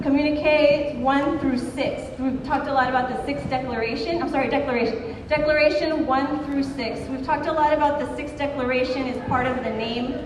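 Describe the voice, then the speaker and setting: A high-voiced woman opens a community workshop and talks earnestly to the crowd. The sound is echoey and roomy, as if captured from far away in a large hall. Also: background noise. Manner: earnest, thanking, often restarting phrases. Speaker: workshop organizer. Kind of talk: introducing a workshop. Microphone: handheld microphone.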